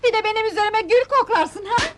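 An actress playing a jealous young fiancée in a comedy film, accusing and shrill. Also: female voice, fast, a little hiss or hum. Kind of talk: 1970s comedy film acting.

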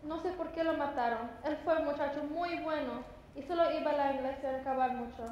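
A woman acting a grieving young girl who speaks in a quiet, bewildered stage monologue. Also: sits high, quick pace, lightly acted. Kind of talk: theatrical monologue. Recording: distant, dull and echoey, faint hiss.

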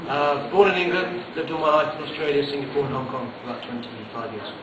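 A man's voice: fairly high pitch, fast talker, far from the mic. A middle-aged male teacher answering questions with dry jokes. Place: school classroom. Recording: very echoey, off-mic, noisy.

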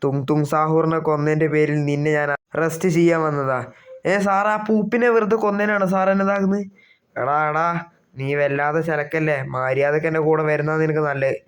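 A man doing a gruff, menacing plainclothes cop. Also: fairly high pitch, steady tone, a little fast, natural voice. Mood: threatening. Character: gruff male plainclothes police officer.

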